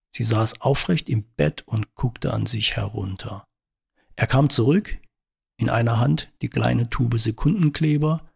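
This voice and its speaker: A man's voice: mid-range voice, creaky, husky. A man reading a comic short story aloud in a dry, matter-of-fact way.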